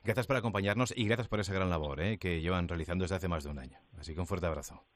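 Brisk low-voiced radio host. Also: male voice. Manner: brisk, with filler "eh". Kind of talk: radio interview hosting.

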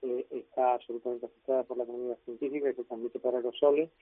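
A man, a doctor and author, explaining things calmly and in a measured way during a radio phone interview. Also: mid-range voice, no echo. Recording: dry tinny phone line.

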